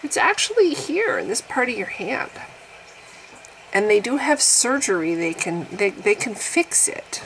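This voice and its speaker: A woman in her early fifties vlogs at home, making fun of her own aches with big dramatic swings in her voice. Her pitch sits in the middle of the range, and a faint hiss lies under the talk. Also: low-quality recording. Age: 50s. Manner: wry, exaggerated, laughing at herself, swings in pitch and loudness. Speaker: vlogger. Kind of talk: casual self-mocking monologue to camera.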